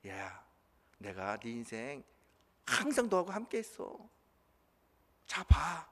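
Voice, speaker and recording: A man preaching who voices a gentle, comforting adult male Jesus in a retold story, soft with rising pleas. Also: mid-range voice, wildly swooping pitch, takes it slowly, pitched below the performer's own voice, exaggerated voice. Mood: tender. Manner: tender, soft then pleading. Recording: reverberant church hall.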